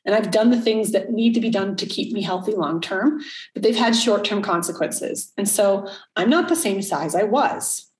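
A woman's voice: mid-range voice, lively intonation, moderate pace, a little mellow, roomy sound, rough recording. A woman in her early forties, a coach, talking frankly and reflectively in casual chat, cursing now and then. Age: 40s.

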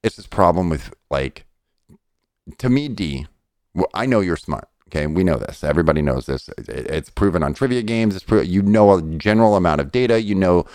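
A man's voice: deep voice, lively intonation, brisk, darkish tone, no room sound, clean studio sound. A middle-aged man arguing his opinions in a casual debate, blunt, insistent and given to swearing.

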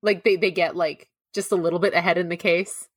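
A woman's voice: on the low side, fairly even intonation, a little fast, no room sound, studio quality. A woman in casual chat as a podcast panelist, telling rambling stories with an incredulous tone.

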